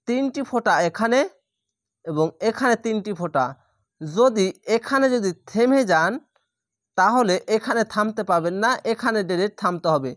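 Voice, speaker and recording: A man teaching Quran reading step by step, patiently repeating each rule and slowly drawing out sample syllables. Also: sits high, dry recording, clean studio sound.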